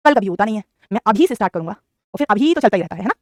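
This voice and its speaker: A woman's voice: mid-range voice, very animated, very fast, a little mellow, no echo, studio quality. A woman teaching Hindi grammar in a live online class, asking questions and repeating each answer, calling her students "beta".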